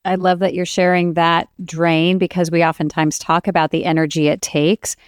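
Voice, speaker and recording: A woman's voice: lowish voice, little pitch movement, moderate pace, clean tone, no room sound, clean studio sound. A woman co-hosting a podcast, speaking in an affirming, encouraging way. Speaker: podcast co-host. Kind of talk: podcast interview.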